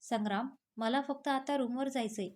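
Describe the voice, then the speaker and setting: A woman's voice: high-pitched, normal speed, darkish tone, lightly acted. A woman voicing a feverish, worn-out young woman who speaks weakly. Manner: weak, tired speech.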